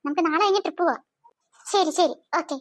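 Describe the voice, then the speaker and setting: A woman voicing a sly teenage girl, a bossy elder sister who talks in a hushed, secretive way in a cartoon. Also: very high voice, fast, no echo. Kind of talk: cartoon voice acting.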